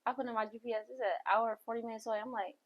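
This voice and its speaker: A soft-spoken young woman chatting casually as a podcast guest, laughing often. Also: fairly high pitch, little pitch movement, very fast, highs cut off. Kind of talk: casual chat.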